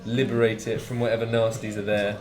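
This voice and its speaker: A man's voice: lowish voice, level tone, brisk, music in the background. Inquisitive man in an echoey room. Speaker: tabletop game player. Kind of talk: casual game chat. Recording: echoey room with background voices.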